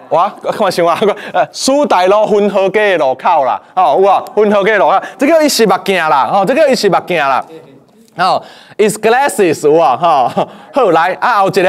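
A man teaching a class, lively and playful, often quizzing his students. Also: high voice, moderate pace, hardly any pauses. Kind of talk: lecture to a class.

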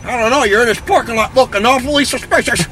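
A man's voice: very high voice, fast talker, sharp tone. A man playing a grumpy, combative old man who barks challenges at strangers in a public prank. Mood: irritated, challenging. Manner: grumpy, confrontational, barking challenges. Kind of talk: hidden-camera prank role-play in public. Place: outdoors in parking lots with traffic. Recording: noisy outdoor street recording.

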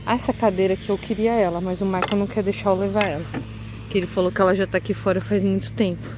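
A woman's voice: mid-range voice, steady tone, fast talker, background noise. Chatty woman vlogging outdoors. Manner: chatty, eagerly addresses viewers. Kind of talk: casual vlog walkthrough. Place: outdoors on a residential street.

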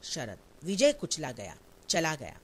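A man's voice: on the high side, wildly swooping pitch, unhurried, slight background noise, exaggerated voice. A reader playing a wounded man in a stage play who speaks firmly and solemnly. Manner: firm, solemn speeches.

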